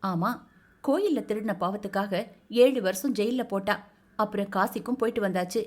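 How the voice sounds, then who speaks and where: A woman's voice: mid-range voice, moderate pace, lightly acted. A woman voicing a short, half-mad grown man who talks like a child and babbles eagerly and insistently. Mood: eager babbling.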